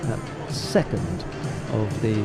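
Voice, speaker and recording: A man doing live play-by-play sport commentary in a measured way, with dry jokes to his co-host. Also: lowish voice, lively intonation, loud music behind the voice, a loud crowd.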